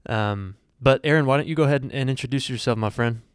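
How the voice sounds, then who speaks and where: A man in his thirties hosting a podcast from a studio, talking in a relaxed, casual way with lots of fillers. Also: medium pitch, fast, clean tone, no room sound. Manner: relaxed, filler-heavy, friendly. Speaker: podcast host.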